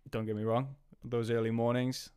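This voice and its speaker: Male coach guest, mid pitch, rambling casual chat with lots of restarts. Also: flat delivery, normal speed, a little mellow, clean tone. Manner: rambling, with many fillers and restarts.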